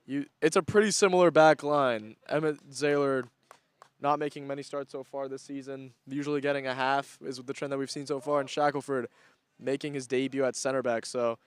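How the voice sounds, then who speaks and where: A man's voice: mid-range voice, steady tone, brisk, clear, resonant tone. A young man giving casual, joking color commentary on a school soccer match.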